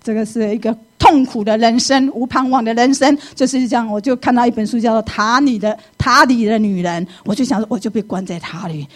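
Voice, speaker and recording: A middle-aged woman, giving a lively personal faith testimony and acting out her own past thoughts. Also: a little high, fairly quick, few pauses. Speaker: church member giving testimony.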